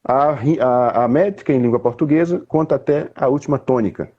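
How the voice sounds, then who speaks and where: Um homem com sotaque brasileiro explicando poesia numa conversa informal, em tom didático e sem pressa. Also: male voice, mid-range voice, breathy edge, dull audio. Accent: Brazilian. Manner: didactic, unhurried, with frequent restarts and "né?" tags. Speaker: poet explaining literature. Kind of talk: casual conversation.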